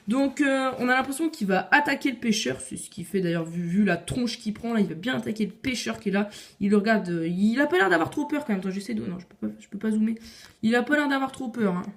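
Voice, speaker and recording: A woman's voice: mid-range voice, quick pace. A woman casually showing her card collection on video, chatty and opinionated, with frequent hesitations. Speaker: video creator.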